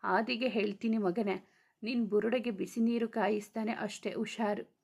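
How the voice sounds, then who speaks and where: A woman's voice: medium pitch, steady tone, normal speed, gravelly, darkish tone. A woman doing a spirited young wife. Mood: stern. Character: spirited young wife, affectionate but sharp-tongued. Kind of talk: storybook reading.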